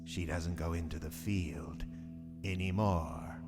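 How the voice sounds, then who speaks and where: A man's voice: deep voice, fairly even intonation, slow. A man playing a gleefully macabre warlock horror host, narrating in a theatrical, savoring, sardonic way. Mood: sardonic relish. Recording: long reverb, music behind.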